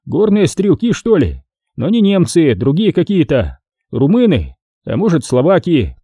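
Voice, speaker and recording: A cocky young soldier shouting wisecracks over gunfire, as a man reads him aloud. The voice is pitched up, husky and dark, and set in a dry, close recording. His lines come out brash and jumpy, as if ducking between shots. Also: wildly swooping pitch, measured pace, dry recording, heavily acted. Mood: urgent.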